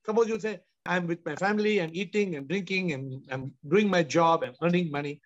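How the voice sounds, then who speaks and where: A man in his fifties with an Indian accent leads a spiritual question-and-answer session. His voice is high for a man, and he repeats questions for emphasis. The sound is dull, compressed video call audio. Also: fairly quick. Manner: emphatic, repetitive, rhetorical questioning. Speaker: host and spiritual teacher.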